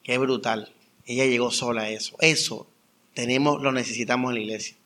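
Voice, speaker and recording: Bright-voiced coastal preacher man. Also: medium pitch, brisk. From Colombia. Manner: animated storytelling with rhetorical questions. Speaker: pastor. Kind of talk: conversational sermon.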